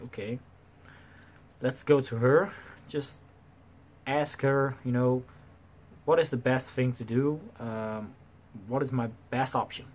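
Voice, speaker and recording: A young man in his twenties casually telling a story to his camera, animated and swearing freely, acting out the people in it, recorded in a small bedroom on a desk webcam. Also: mid-range voice. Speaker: vlogger. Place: small bedroom with slanted ceiling, indoors.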